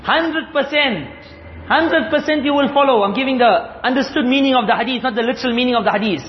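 A man gives an earnest sermon, driving points home through repetition. His voice sits very high. The sound is lo-fi and dull, with long echo from a big hall. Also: racing. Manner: earnest, emphatic repetition, Arabic quotations. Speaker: Islamic preacher. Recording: echoey hall, dull lo-fi sound, faint hiss.

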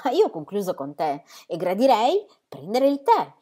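A man's voice: high-pitched, huge pitch swings, moderate pace, mellow, exaggerated voice. A woman voicing a cold, pedantic middle-aged pastor who talks down to his wife in a stiff, formal way. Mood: coldly condescending. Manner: coldly formal, condescending.

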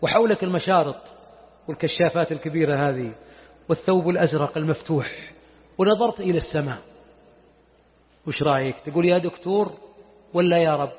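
A man preaching a sermon with emotion, moving from hushed lines to loud exclamations. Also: on the high side, fast, long pauses, breathy edge. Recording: echoey hall over a tinny lo-fi recording.

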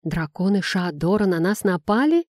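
A woman reading an audiobook voices a bossy, quick-witted young woman who gives clipped, commanding orders. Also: lowish voice, very animated, a little mellow, no echo, studio quality. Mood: urgent.

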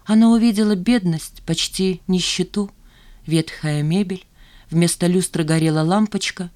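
A woman reading a novel aloud as an audiobook in steady, measured narration. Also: on the low side. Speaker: audiobook reader. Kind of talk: scripted narration.

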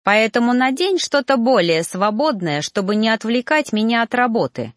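A woman voicing an irritable, flustered young male reaper in an audiobook, snapping his words out slowly and angrily. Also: a little high, expressive, no echo, studio quality, natural voice. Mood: irritated. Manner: angry, snapping, drawn-out emphasis. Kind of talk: audiobook character voice.

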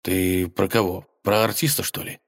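Male reader as chatty, fretful wolf sidekick, low-ish, hesitant. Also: fairly even intonation, gravelly. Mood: evasive. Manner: fretful, rambling, slow.

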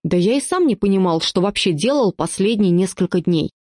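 A woman reading first-person audiobook narration with lively storytelling. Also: medium pitch, brisk, no room sound, studio quality.

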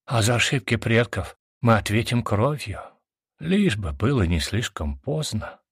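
A man's voice: fairly low pitch, sing-song, measured pace, slightly rough, no room sound, studio quality, heavily acted. A man voicing a proud, grieving giant lizard ruler in an audiobook, solemn and shaken. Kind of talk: audiobook character reading.

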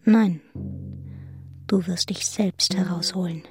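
Jane Eyre, earnest governess over music. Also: female voice, lowish voice, steady tone, slow pace, breathy edge, heavily acted. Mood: desolate, anguished. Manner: restrained, intense, breaking into hushed fragments. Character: earnest, wounded, resolute young governess narrating her story. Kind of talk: German radio play narration and acting.

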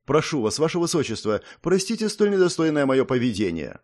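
A man's voice: on the high side, sing-song, brisk, a little mellow, voice pushed up. A man doing a courtly, formal young marquis.

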